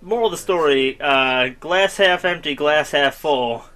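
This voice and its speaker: A man's voice: fairly high pitch, measured pace, bright, forceful tone. Young man, gaming commentary, rambling, self-mocking, casual chat. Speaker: gaming YouTuber. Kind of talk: casual let's-play commentary.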